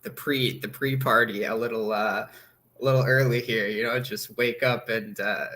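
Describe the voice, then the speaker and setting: Male co-host, low but bright forceful voice, halting, repeats himself. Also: fairly even intonation. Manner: hesitant, repeats words. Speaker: sports show co-host. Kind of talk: casual sports talk.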